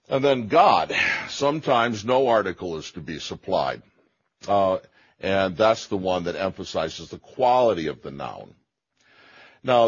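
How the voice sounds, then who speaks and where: A man's voice: fairly low pitch, slightly rough, dull audio. A man giving a theology lecture, explaining carefully, correcting himself and stressing key phrases.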